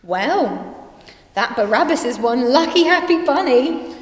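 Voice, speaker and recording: A woman's voice: sits high, expressive, measured pace. An actress playing a silly, playful female sidekick who loves bunnies and makes jokes. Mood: cheerful. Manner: playful, jokey, gullible. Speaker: actor in church children's video. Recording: echoey hall with long reverb.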